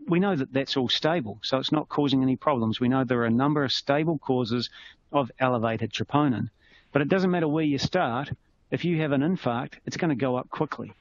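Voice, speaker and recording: A man with a New Zealand accent, giving a conversational medical teaching webinar and explaining with everyday analogies. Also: medium pitch. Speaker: clinician presenting a webinar. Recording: slightly muffled with faint noise.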